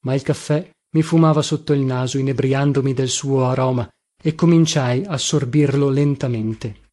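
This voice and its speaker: Mellow-voiced male audiobook narrator. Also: mid-range voice, fairly even intonation. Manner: measured, reflective first-person reading. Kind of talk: scripted literary narration.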